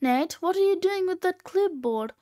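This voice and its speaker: A woman's voice: very high-pitched, expressive, moderate pace, mellow. A woman reading aloud, voicing a stern, exasperated female schoolteacher. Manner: scolding, exasperated.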